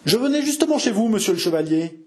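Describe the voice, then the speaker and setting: A man's voice: high voice, sing-song, fast, pitched above the performer's own voice. A man voicing a fussy, easily flustered middle-aged innkeeper who stammers and protests indignantly.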